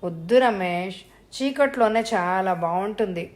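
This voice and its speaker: A scheming young woman, played by a woman narrator, coaxing and soft in a near-everyday voice. Her manner turns sharply indignant when she is crossed. She is a figure in a suspense audio story. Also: medium pitch, a little slow, lightly acted.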